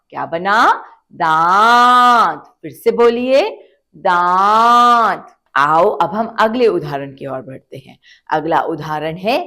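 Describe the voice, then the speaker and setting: A woman's voice: medium pitch, fairly bright tone. A woman teaching a Hindi lesson to children, drawing out words in a sing-song way and asking them to repeat after her. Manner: slow, drawn-out sing-song teaching with call-and-response.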